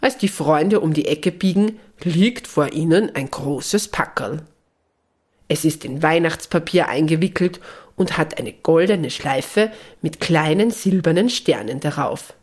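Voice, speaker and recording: A woman reading a children's story aloud as host, with a gentle, clear, animated delivery. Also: low-pitched, measured pace.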